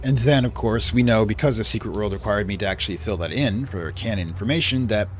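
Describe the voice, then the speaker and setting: A man's voice: lowish voice, fast, a little hiss or hum. A man doing casual game commentary, rambling and thinking aloud as he plays. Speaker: let's play commentator.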